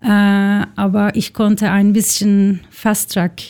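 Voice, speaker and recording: Lady, label owner, slow careful german, mellow warm tone. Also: mid-range voice, monotone, smooth. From Turkey. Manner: halting German, searching for words.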